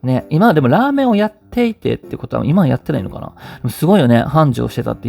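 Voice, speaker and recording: Man, Kansai accent, podcast host, chatty, often laughing, mellow tone, lots of vocal fry. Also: mid-range voice. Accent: Kansai Japanese. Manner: chatty, laughs often, refers to himself by nickname. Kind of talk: casual radio-style talk reading listener stories. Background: faint background music.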